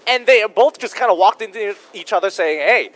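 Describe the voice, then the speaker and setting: A man's voice: high voice, fairly quick. A man co-casting a mobile esports match, mixing game analysis with teasing banter. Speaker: esports caster. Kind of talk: casual esports commentary.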